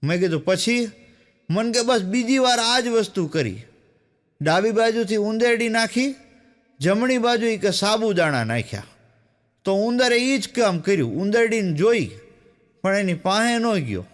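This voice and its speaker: A man's voice: sits high, lively intonation, unhurried. A man with a Saurashtra Gujarati accent telling jokes as a stand-up comic, acting out the dialogue of the people in his stories. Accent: Gujarati, Saurashtra dialect. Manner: storytelling, quoting characters in dialogue. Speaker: stand-up comedian.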